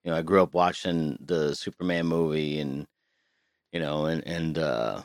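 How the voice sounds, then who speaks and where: Deep-voiced man talking inside a closet. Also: fairly even intonation, normal speed, no echo, studio quality. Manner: loose, swears freely, rambling with restarts. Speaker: podcast co-host. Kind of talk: casual chat.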